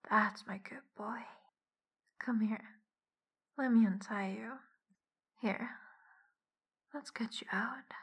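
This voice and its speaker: A woman giving a whispered audio roleplay in a soft, teasing whisper as the dominant partner. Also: on the high side, breathy edge, muffled recording.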